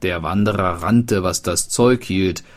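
A man reading a storybook aloud, with slow, expressive narration. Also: sits low.

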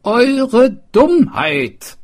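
A man voicing a worried, fussy village schoolmaster who speaks slowly and with a raised voice. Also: a little high, big pitch swings, vocal fry, slightly rough, voice pushed up, heavily acted. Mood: irritated.

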